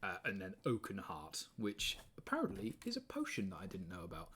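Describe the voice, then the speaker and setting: A man's voice: low voice, huge pitch swings, fairly quick, fairly bright tone, husky. A man in his twenties with an English accent, hosting a live stream in casual chat, rambling, swearing freely and laughing often. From England. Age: 20s.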